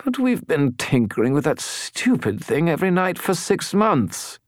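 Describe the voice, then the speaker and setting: A man's voice: on the high side, big pitch swings, moderate pace, dry recording, studio quality, voice pushed up. A man voicing a grumbling, whiny male spirit that lives in a skull, for an audiobook. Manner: whiny, complaining.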